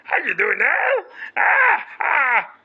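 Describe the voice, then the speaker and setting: A woman doing a high, excited impression of the cookie-loving Cookie Monster. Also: takes it slowly, exaggerated voice. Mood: greedy, excited. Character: cookie-craving Cookie Monster, furry blue male monster. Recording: dull lo-fi audio.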